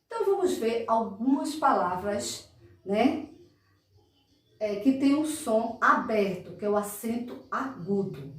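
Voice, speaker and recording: A Brazilian woman teacher speaking slowly and carefully to young pupils, stretching each syllable. Her voice sits fairly high and echoes heavily around the room. The mic is set well away from her. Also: lively intonation, recorded from a distance. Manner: drawn-out, emphatic enunciation of words, frequent "tá?" checks. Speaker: primary school teacher. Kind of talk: recorded remote lesson for children.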